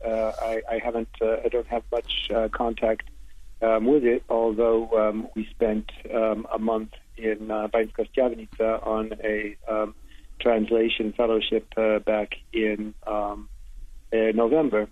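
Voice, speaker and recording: A man answering radio interview questions as a literary translator, halting with many hesitations and restarts. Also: lowish voice, completely flat delivery. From United States. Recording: tinny phone line, dry.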